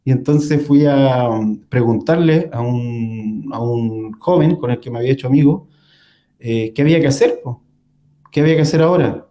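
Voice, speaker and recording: Mellow-voiced man telling his story. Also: medium pitch, moderate pace. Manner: storytelling with frequent fillers and laughs. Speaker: guest. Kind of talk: casual testimony in a conversation.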